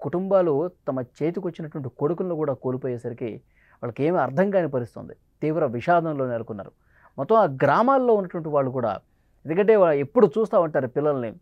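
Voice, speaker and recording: A man's voice: a little high, no room sound. A man giving somber, urgent news commentary that mixes pointed questions with grave reflection. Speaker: news presenter. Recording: dull lo-fi dry sound.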